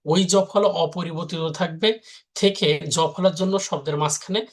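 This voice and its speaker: A man's voice: sits high, steady tone, normal speed, slight background noise. Man teaching, repeating each rule. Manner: repeats rules, asks and answers own questions. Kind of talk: live online grammar lesson.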